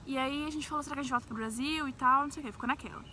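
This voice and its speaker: Speaking very fast, a young woman who vlogs about travel shares a personal story casually and chattily. Her voice is bright and fairly high, her accent central-west Brazilian from growing up in Brasília, and she peppers her talk with agreement-seeking tags over faint background noise.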